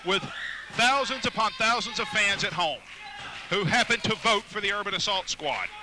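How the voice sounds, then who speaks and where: A man's voice: high-pitched, expressive, normal speed. A man calling live wrestling play-by-play in emphatic, clipped phrases over arena noise. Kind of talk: live sports commentary. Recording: noisy live wrestling event.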